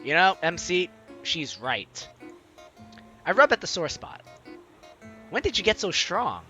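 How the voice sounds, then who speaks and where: In a lowish, sharp-toned voice, a woman hosting a let's play reads game narration and lines aloud with playful hamminess and ad-libbed asides. Background game music sits behind her.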